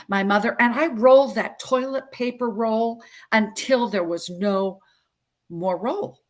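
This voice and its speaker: A woman in her sixties, a health coach telling her story as an interview guest in an animated, emphatic way. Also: mid-range voice. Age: 60s. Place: Central Florida.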